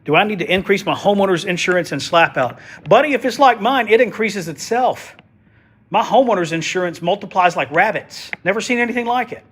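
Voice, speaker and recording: This high-voiced man speaks fairly quickly with a fairly bright tone, and there's a little background noise. A TV weatherman fighting a head cold, he sniffles his way through a live weather stream, chatting folksily and slipping in joking asides.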